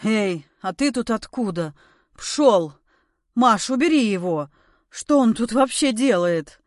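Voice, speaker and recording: A woman voicing a frantic, pushy middle-aged husband who talks loudly and pleads and orders in turn. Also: fairly high pitch, lively intonation, takes it slowly, dry recording, studio quality. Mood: agitated. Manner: loud, agitated, pleading and bossy.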